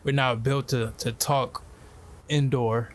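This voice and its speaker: A man's voice: mid-range voice, fairly even intonation, takes it slowly. A man co-hosting a casual chat, circling back and repeating himself as he explains. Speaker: podcast co-host.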